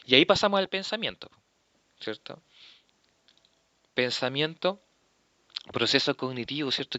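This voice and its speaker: Chilean male teacher, bright low voice. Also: smooth, no room sound, muffled recording. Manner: explanatory, tags sentences with "¿cierto?". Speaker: philosophy teacher. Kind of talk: classroom lecture.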